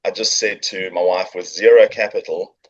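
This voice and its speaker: This is a casual interview chat recorded in a coworking space, where a middle-aged South African business owner talks as a podcast guest, joking and using fillers as he tells his story. His voice sits low, with fairly even intonation and a moderate pace. The highs in the recording are cut off.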